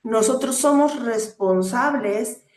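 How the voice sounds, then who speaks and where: A woman's voice: fairly high pitch, slow pace, darkish tone. A woman preaching a sermon, teaching earnestly with rhetorical questions and frequent hesitant fillers. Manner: hesitant fillers between phrases. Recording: echoey room.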